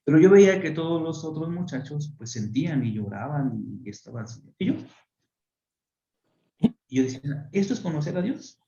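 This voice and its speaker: A friar being interviewed on a radio program, telling a personal testimony with lively, acted-out voices. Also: male voice, fairly high pitch, moderate pace, roomy sound, lo-fi sound. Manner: animated storyteller who acts out voices. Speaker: friar telling his story. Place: radio studio.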